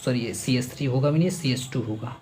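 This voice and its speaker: A man's voice: mid-range voice, fairly quick, a little mellow, a little hiss or hum. A man teaching chemistry in a chatty, repetitive way, mixing Hindi with English terms and hammering home exam points. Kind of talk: exam-focused classroom lecture.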